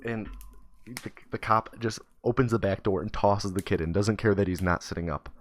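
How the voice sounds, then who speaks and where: Low-voiced man telling a rambling tale. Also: normal speed, a little hiss or hum. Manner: loose, profane, rambling with fillers. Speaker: streamer. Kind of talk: casual comic storytelling.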